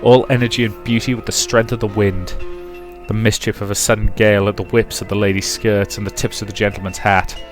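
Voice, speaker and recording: Soft music plays behind this man as he reads a visual novel aloud and throws in casual, rambling remarks during his let's play. He speaks a little fast in a lowish voice with a flat delivery.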